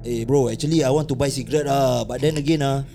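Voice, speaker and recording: A man's voice: mid-range voice, steady tone, dark tone, a little hiss or hum, close to an everyday voice. Man putting on a rambling Singaporean cigarette scrounger. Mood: rambling excuse. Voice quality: halting broken colloquial English with repeated "ah" tags. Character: chatty, pushy cigarette-scrounging stranger full of excuses. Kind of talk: comic anecdote impression in a podcast.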